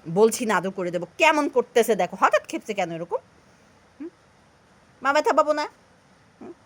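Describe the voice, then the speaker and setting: A woman talking baby talk to her kitten, cooing in a sing-song voice that swings from squeaky highs to soft murmurs. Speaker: pet owner vlogger.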